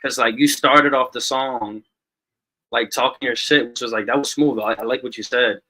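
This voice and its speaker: A man's voice: mid-range voice, steady tone, normal speed, pushed and bright, rough recording. A man giving loose, chatty feedback on a song during an online review stream. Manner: loose and chatty, leans on "you know what I'm saying". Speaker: music reviewer. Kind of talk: casual review chat on a live stream. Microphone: online call.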